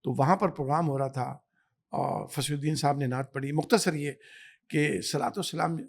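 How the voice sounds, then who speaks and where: In a podcast interview in Canada, a man who is an imam and guest scholar preaches emphatically, telling stories and exhorting his listeners. His voice is fairly high-pitched and creaky.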